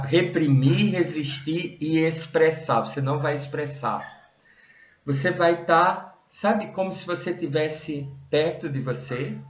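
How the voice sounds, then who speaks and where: A man teaching a meditation method straight to the viewer, conversational and full of tag questions. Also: medium pitch. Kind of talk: direct-to-viewer teaching talk. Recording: roomy, dull lo-fi sound.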